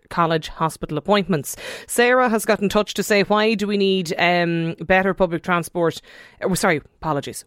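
A woman's voice: lowish voice, dry recording, studio quality. A woman with an Irish accent hosts a conversational radio phone-in. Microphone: studio microphone.

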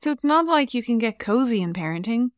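A woman's voice: fairly high pitch, lively intonation, a little fast, no room sound, studio quality. Woman giving earnest parenting advice. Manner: acts out what to say to a child. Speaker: parenting podcast co-host. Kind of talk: casual podcast chat.

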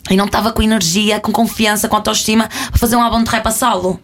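A woman tells stories at a brisk clip. She is lively and slips into other people's voices as she goes. She sounds like a guest in her thirties on a relaxed talk show. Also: mid-range voice, slight background noise. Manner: animated storyteller, acts out people's voices. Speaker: guest, rapper and video creator. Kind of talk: casual conversation.

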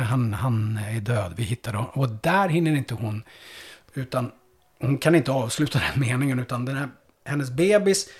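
A man who works as a police officer, recounting a hard call-out in a conversation, halting and full of fillers, dropping low and quiet at the heaviest parts. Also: husky. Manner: halting, with many fillers and restarts.

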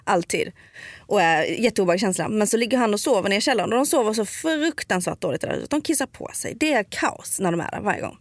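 A woman's voice: medium pitch, no echo. A young woman on a podcast, a mother, casually telling a spooky story, swearing freely and acting out what people said. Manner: expressive, swears casually, acts out dialogue. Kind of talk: casual podcast chat, telling ghost stories.

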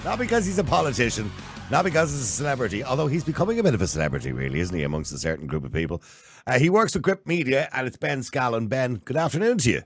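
A man's voice: mid-range voice, big pitch swings, quick pace, husky, soft background music. An Irish man hosting a casual interview, chatty and teasing as he fires off questions. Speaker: host. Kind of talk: casual radio-style interview.

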